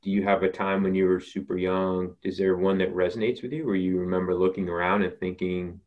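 A man's voice: sits low, little pitch movement, a little fast. A man hosting an interview, asking thoughtful questions with some hesitation and fillers. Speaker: podcast host. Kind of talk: interview conversation. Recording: slightly dull lo-fi sound.

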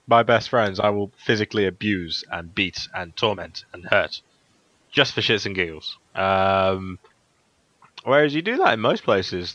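Bright-voiced man joking around. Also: lowish voice, no echo, highs cut off. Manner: joking, swears freely. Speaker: podcast co-host. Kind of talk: casual chat.

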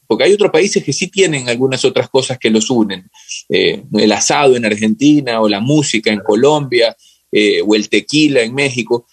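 Speaking as a guest in an interview, this Ecuadorian-accented man reflects casually on football, frequently groping for words and going back over phrases. His voice sits in the mid range, sounds slightly rough, and is recorded with no echo.

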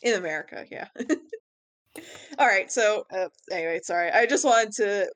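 A woman's voice: medium pitch, normal speed, a bit bright. A woman co-hosting a podcast, recapping an anime in casual chat, laughing often and filling her talk with fillers and restarts. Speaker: podcast co-host.

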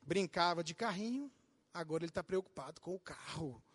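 A man with a Brazilian accent preaching a sermon as a pastor, talking straight to his listeners with questions and acting out little scenes with sudden shouts. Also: on the high side, fairly quick, breathy edge. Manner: animated, acts out quotes and bursts into shouts; addresses listeners directly with questions.

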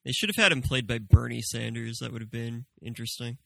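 A man's voice: medium pitch, quick pace, creaky, pushed and bright, no room sound. A man co-hosting a casual review chat in a dry, offhand manner. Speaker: movie review show co-host.

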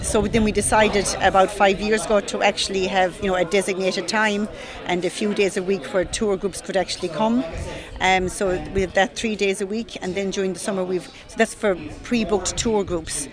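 A woman's voice: medium pitch, fairly even intonation, normal speed, music in the background. A middle-aged woman, talking in a chatty, discursive way in an interview. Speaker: goat farmer and cheesemaker interviewed. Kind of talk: conversational interview.

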